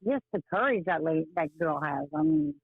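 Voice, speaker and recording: A woman's voice: sits low, sing-song, normal speed, no echo. A middle-aged or older woman from West Virginia with an Appalachian twang and a slightly slurred-sounding drawl, chatting emphatically as a caller to a show. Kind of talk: casual phone chat. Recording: tinny, narrow phone-line sound.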